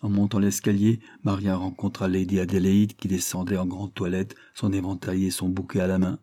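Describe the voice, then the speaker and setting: A man narrates a classic novel in an even, measured reading. His voice is low and mellow with a slight huskiness. The recording is dry and close. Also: no echo. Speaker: audiobook narrator. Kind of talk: scripted narration.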